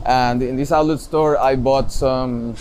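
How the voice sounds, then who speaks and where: A man from Chile with a Chilean Spanish accent, answering interview questions in a relaxed way and sometimes searching for English words. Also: mid-range voice, a little slow, a little hiss or hum. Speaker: startup founder, interview guest. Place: outdoors in a city with traffic nearby.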